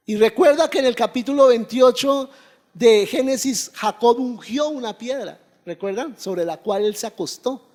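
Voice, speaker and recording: A pastor preaching a sermon, asking the congregation questions and answering them, with frequent amens. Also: male voice, very high-pitched, a little mellow. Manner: preaching with call-and-response questions and repeated amens. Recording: long hall reverb.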